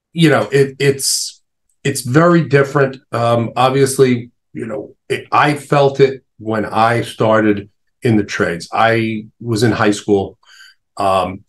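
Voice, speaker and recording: A man in his sixties from the New York area, a podcast guest telling stories in a chatty way with lots of "you know". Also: lowish voice. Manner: chatty storyteller, frequent "you know" fillers. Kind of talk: casual interview storytelling.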